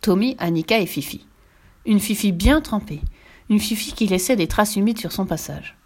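A woman reads a children's story aloud with a lively, expressive delivery. Her pitch sits in an ordinary middle range. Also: moderate pace. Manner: expressive, lively reading with sound effects. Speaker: narrator.

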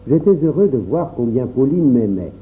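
A man narrating a storybook in a calm, measured first-person reading. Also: medium pitch. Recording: tinny phone-like sound, faint noise.

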